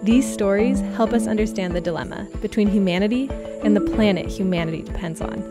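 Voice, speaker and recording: A woman's voice: medium pitch, a little fast, loud music behind the voice. A woman hosting a podcast, reading scripted narration and asking interview questions in a friendly way. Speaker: podcast host.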